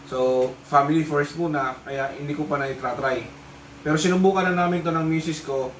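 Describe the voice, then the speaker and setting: A man with a Filipino accent reviews a motorcycle intercom in a casual, explanatory way, frequently repeating points. His fairly high voice keeps a steady tone at a moderate pace, captured from a distance in an echoey room with faint noise.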